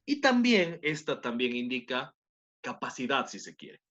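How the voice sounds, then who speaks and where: A man with a mid-range, fairly bright voice teaches an online class, unhurried and with big pitch swings. He explains a point step by step and often asks his students questions, and the audio is dull and lo-fi.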